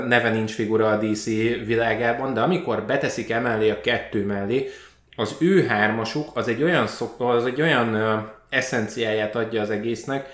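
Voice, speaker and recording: A man co-hosting a podcast, chatting casually about films and often pausing on filler sounds. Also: medium pitch. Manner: hesitant, many filler sounds. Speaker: podcast co-host. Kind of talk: casual film chat. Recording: roomy echo.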